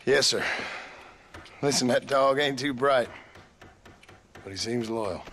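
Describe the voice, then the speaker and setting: An actor playing a steady, dry-witted gunslinger who talks in a measured, deadpan way in a western video game. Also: male voice, mid-range voice, a little hiss or hum.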